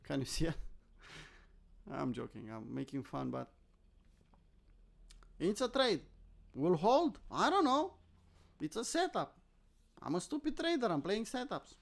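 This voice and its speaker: Casual and self-deprecating, a Romanian crypto trader with a Romanian accent hosts live trading commentary, often answering the questions he asks himself. His high voice swings widely in pitch, with vocal fry, a measured pace, and long pauses.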